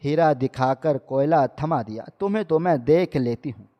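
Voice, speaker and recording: A man's voice: on the high side, muffled recording, natural voice. A man voicing a stern, scolding mother-in-law in a storybook narration, with long hall reverb. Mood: angry. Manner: harsh, scolding.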